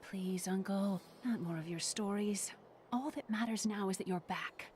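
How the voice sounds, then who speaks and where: A woman's voice: medium pitch, normal speed, loud music behind the voice, close to an everyday voice. A woman voicing a young caring niece. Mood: exasperated. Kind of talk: video game voice acting.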